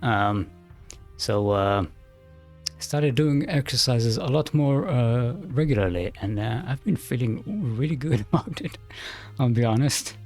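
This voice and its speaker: A man's voice: medium pitch, measured pace, a little mellow, faint music behind. A man hosting his live stream in a casual, rambling chat, a little out of breath and laughing often. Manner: laughing, rambling, self-interrupting. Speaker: streamer host.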